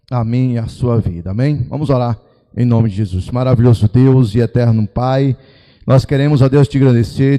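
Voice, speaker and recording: A man leading a church service in prayer, building from calm greetings to impassioned pleading. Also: mid-range voice. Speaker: church leader opening the service. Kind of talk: fervent congregational prayer. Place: church sanctuary.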